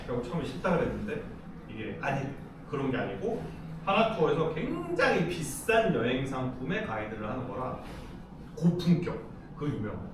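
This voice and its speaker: A middle-aged man from Seoul, South Korea, gives a casual, chatty lecture full of stories and frequent laughter. His voice is medium in pitch, and he's off-mic in an echoey hall with background noise around him.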